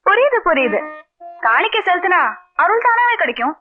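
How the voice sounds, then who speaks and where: An actress playing a mischievous woman who plays tricks, talking in a quick, teasing, playful way. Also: very high voice, very animated. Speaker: film actor. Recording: dull remastered film audio with music.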